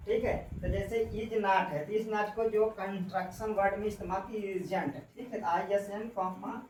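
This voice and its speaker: A woman English teacher giving a classroom lesson on contractions, spelling out letters slowly and repeating herself. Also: medium pitch, steady tone, a little mellow, distant mic. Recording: echoey room, voice from off-mic, faint noise.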